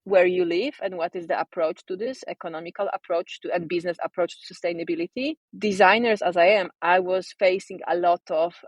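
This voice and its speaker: A woman's voice: fairly low pitch, fairly even intonation, a little fast, hardly any pauses, no room sound, dull audio. Dry-sounding Polish-accented woman. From Poland. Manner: thoughtful, searches for words, frequent "mm". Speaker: guest, designer and coach. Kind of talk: casual interview talk.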